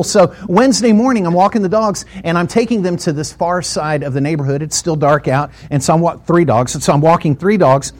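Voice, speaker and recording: High-voiced man telling a lively sermon story. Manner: animated, rambling with restarts, acts out his own shouts. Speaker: pastor.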